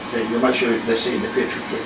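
Folksy barber coaching over buzzing clippers. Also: male voice, medium pitch, quick pace, heavy background noise. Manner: calm, folksy, repeats short instructions. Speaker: master barber instructing a student. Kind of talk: casual coaching. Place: small barbershop indoors. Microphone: camera on tripod across the room. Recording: echoey room with loud clipper buzz.

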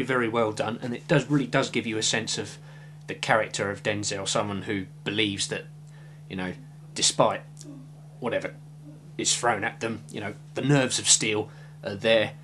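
This young man's film review is spoken in a medium-pitched, slightly bright voice, picked up by a webcam at his desk with a bit of background noise. Sitting in a small indoor room with film-stocked shelves, he gestures, rambles, and leans on fillers and hedges.

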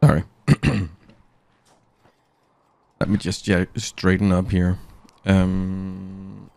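A man's voice: deep voice, monotone, drawn-out words, creaky, a little mellow, no echo. A man rambling chattily to his viewers during a casual live game stream, speaking into a studio mic through a mixer. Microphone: studio mic through an audio mixer.

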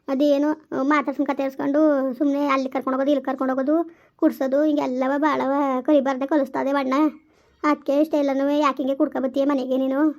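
A woman acting an upset young village girl who complains tearfully in rustic speech. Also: high-pitched. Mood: complaining. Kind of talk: village comedy skit acting. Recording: dull lo-fi recording.

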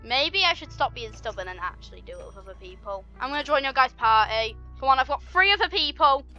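A woman's voice: high-pitched, lively intonation, fast talker, bright, forceful tone, lo-fi sound, faint music behind. A woman giving casual gameplay commentary, chatty and playful, teasing the game's monsters as she plays. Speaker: gaming channel host.

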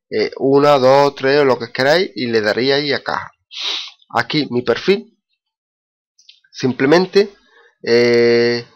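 Man walking through a website. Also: medium pitch. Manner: repetitive, many "eh" fillers, stresses "muy importante". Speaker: blogger explaining paid survey sign-up. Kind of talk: screen-recorded tutorial walkthrough.

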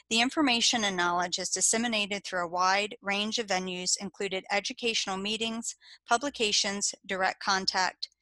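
An extension educator with an American accent and medium pitch reads a scripted slideshow narration, steady and informative, with no echo in the recording.

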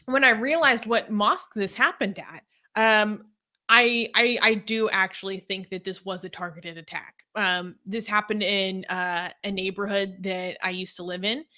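A young woman co-hosting from home over a video call chats casually about a news story. Her voice is medium-pitched, steady, unhurried, pushed and bright. She hesitates often, filling gaps with "um" and "like."

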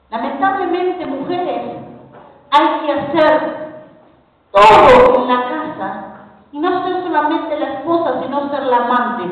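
A high-pitched woman with an Argentine accent preaches with fervor, urging and challenging her listeners head-on. She sounds far from the microphone in a big, echoing hall, and the sound is thin and tinny, like a phone line. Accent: Argentine Spanish. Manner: fervent, exhorting, addresses the women directly. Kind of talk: sermon. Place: large conference hall.

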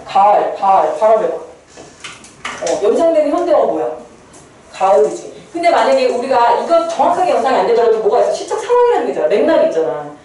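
A woman's voice: on the high side, warm tone. Chatty woman teacher, very echoey classroom. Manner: chatty, asks the class questions and answers them herself. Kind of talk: classroom lecture. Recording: very echoey classroom, distant mic, faint room noise.

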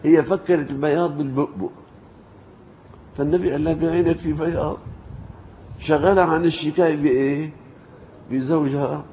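A male preacher tells stories in a mellow, warm voice. He talks like an animated storyteller and rises sharply to stress his points. Faint noise sits under the voice. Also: on the high side, brisk, long pauses. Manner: animated storyteller, jumps into quoted voices, rising emphasis. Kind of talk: storytelling sermon.

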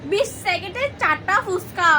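Woman, challenge participant, casual talk, very high pitch, clear background noise. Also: normal speed. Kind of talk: casual chat.

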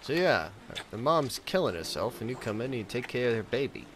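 A man's voice: mid-range voice, sing-song, a little fast, background noise. A man giving joking, sarcastic commentary while playing through a video game. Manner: sarcastic, mocking.

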